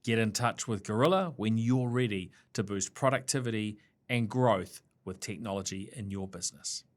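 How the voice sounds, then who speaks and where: A man with a New Zealand accent and a lowish voice hosts a business podcast interview at a normal speed. He comes across friendly and loose, with plenty of fillers and restarts.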